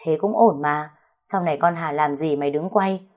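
A woman plays a shrewd, scheming young wife in a storybook reading. She speaks bluntly and quietly, with a fairly low voice. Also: moderate pace, natural voice. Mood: conspiratorial. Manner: blunt, hushed and knowing.

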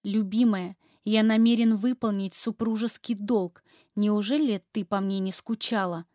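A woman's voice: a little high, normal speed, no room sound, clean studio sound, lightly acted. A woman reading the part of a domineering, vengeful young husband who speaks in a harsh, mocking way. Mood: menacing.

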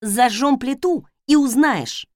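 A woman's voice: sits high, takes it slowly, a little mellow, no room sound, clean studio sound, voice pushed up. A woman voicing a bold young wizard's wife who speaks in a commanding, playful way.

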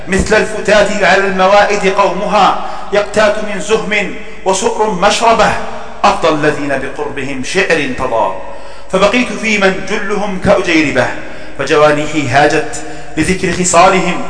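Echo-drenched man declaiming classical verse, high-pitched. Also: fairly bright tone. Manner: formal, emphatic, measured declamation. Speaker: poet reciting his own verse. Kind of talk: declamatory classical poetry recitation. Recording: echoey, long reverb, distant from mic.

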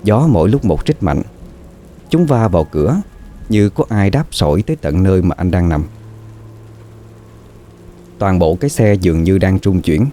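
A man narrating a scripted horror story in a slow, dramatic, suspenseful way. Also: sits low, expressive, warm tone, a little hiss or hum.

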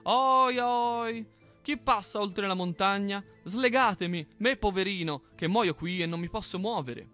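A man's voice: animated, fast talker, faint music behind. A man reading a folk tale aloud, putting on the raised, pleading voice of a stubborn boastful old man. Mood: desperate. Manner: loud, pleading, high-pitched put-on.

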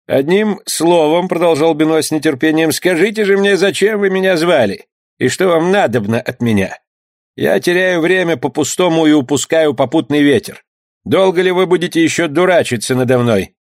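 A man's voice: a little high, animated, normal speed, dry recording, clean studio sound, pitched above the performer's own voice. A man voicing a stubborn, impatient old male ship's skipper in a read-aloud story. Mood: indignant. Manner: indignant, impatient.

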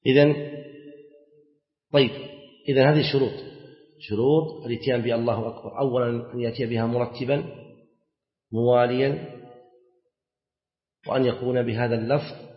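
A man's voice: mid-range voice, steady tone, brisk, long pauses. Man teaching fiqh in an echoey hall. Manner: repeats key phrases and asks students questions. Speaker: sheikh teaching Islamic jurisprudence. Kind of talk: classroom lesson explaining a fiqh text. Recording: echoey hall, dull lo-fi sound.

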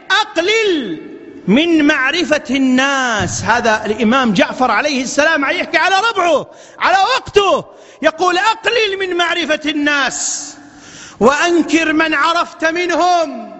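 A man with an Iraqi Arabic accent preaching a sermon, swinging between soft pleading and loud exhortation. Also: very high voice. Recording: lo-fi archive recording with long hall reverb.

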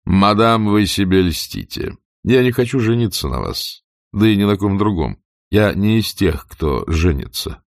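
A man reading an audiobook and voicing a cynical, self-assured man who teases in a slow, ironic drawl. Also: lowish voice, expressive, dry recording, studio quality. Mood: mocking. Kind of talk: audiobook character voice.

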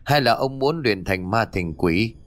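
A man voicing a calm young male exorcist who talks in a firm, measured and reassuring way. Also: lowish voice.

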